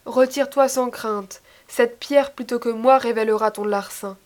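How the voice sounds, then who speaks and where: A woman reading the lines of a greedy old male herdsman in a storybook tale, in a plain, hurried manner. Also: on the high side, steady tone, lightly acted.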